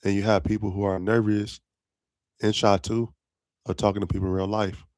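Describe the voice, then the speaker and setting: A man's voice: on the low side, little pitch movement, normal speed, darkish tone, no room sound, studio quality. A young man hosting his own podcast alone, rambling in casual slang and often laughing at his own jokes. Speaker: podcast host. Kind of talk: casual solo podcast chat.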